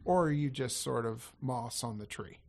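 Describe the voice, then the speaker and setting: A man's voice: mid-range voice, normal speed, gravelly, a little mellow. A man talking casually on a podcast as a sales coach, rambling and correcting himself as he goes. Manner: rambling, self-correcting, laughs easily.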